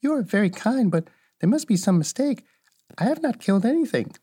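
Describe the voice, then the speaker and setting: An innocent little storybook girl, earnest and full of wonder, as a reader plays her. The voice is pitched high above the reader's own, slightly husky, and swings up and down brightly. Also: very animated, moderate pace.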